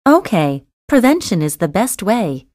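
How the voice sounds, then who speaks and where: A woman voicing the female parts of a school listening test, clearly enunciated and conversational. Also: mid-range voice, big pitch swings, unhurried. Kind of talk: scripted test dialogue reading. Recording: dry studio recording.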